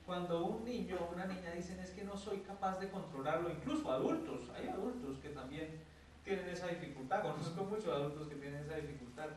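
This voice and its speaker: A man's voice: fairly high pitch, fairly quick, darkish tone, slight background noise. A man with a Colombian Spanish accent gives a lecture in a conversational way, often asking his listeners "¿sí?" and acting out what mothers say. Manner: conversational, often checks in with "¿sí?", acts out quoted mothers. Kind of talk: lecture to an audience. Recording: very echoey room, mic far off, faint ambience.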